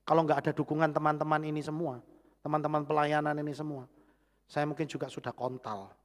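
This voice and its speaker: A middle-aged man with a Javanese accent preaching a sermon with personal testimony, animated, swinging from loud exclamations to hushed asides. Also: fairly high pitch, fast talker. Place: church hall. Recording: long church hall reverb.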